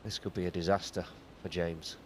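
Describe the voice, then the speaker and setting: Man, lowish voice, hushed snooker commentary, conversational, understated, faint venue noise behind. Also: flat delivery, a little fast.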